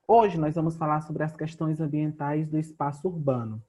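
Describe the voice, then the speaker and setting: Mellow-voiced Brazilian man teaching with a sore throat. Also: fairly high pitch, steady tone, normal speed. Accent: Brazilian Portuguese. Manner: patient, explanatory, addresses students directly. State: sore throat, coughing often. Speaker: geography teacher. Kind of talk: recorded remote class lesson. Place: at home.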